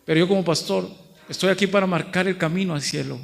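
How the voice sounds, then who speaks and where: A man's voice: high-pitched, quick pace, vocal fry, soft background music. A man with a northern Mexican accent preaching a sermon as pastor, building to emphatic repeated phrases and acting out voices in the story. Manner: preaches with rising emphatic repetition, acts out dialogue. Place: large church hall. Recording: long church hall reverb.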